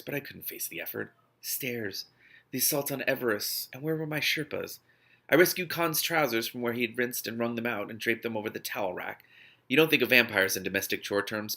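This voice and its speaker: In a creaky, pushed, bright mid-range voice, this man reads a novel aloud with feeling as host of an online read-aloud series. Now and then he stops for unplanned asides, sometimes amused, sometimes exasperated.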